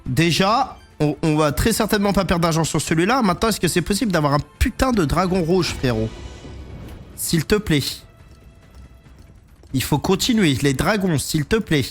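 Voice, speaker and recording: A man's voice: on the high side, animated, normal speed, soft background music. A man giving casual live gambling stream commentary in slangy, pleading banter. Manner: slangy, pleading banter addressed to the game and viewers. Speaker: casino game livestreamer.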